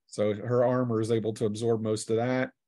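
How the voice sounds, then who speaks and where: A man serves as game master for a tabletop role-playing session, keeping things casual and playful. He chuckles, acts out sound effects and shouts. His voice is lowish with little pitch movement, and he talks fairly quickly.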